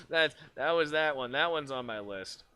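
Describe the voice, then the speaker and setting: A man chatting on a livestream in a bright, forceful voice pitched a little high. He talks unhurriedly, rambles through restarts, curses freely and keeps breaking into laughter. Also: clear, resonant tone. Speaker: virtual streamer. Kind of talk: casual livestream chat.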